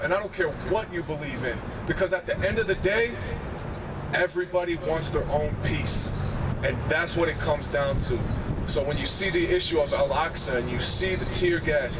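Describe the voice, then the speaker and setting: Man, high-pitched and impassioned, speaking at a rally; recorded from a distance with loud traffic noise. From United States. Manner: impassioned, repeats phrases for emphasis. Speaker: protest speaker. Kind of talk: outdoor rally speech. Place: outdoors on a city sidewalk.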